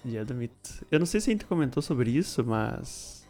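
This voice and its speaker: A man's voice: mid-range voice, very animated, moderate pace, warm tone, soft background music. A teenage man co-hosting a podcast, speaking in a laid-back, teasing way with short replies. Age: teens. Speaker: podcast co-host. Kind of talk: casual chat.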